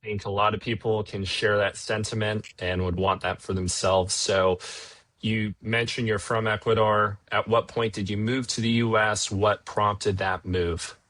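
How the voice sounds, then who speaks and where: Deep-voiced male podcast host. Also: flat delivery, unhurried, fairly bright tone, dry recording. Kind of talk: podcast interviewing.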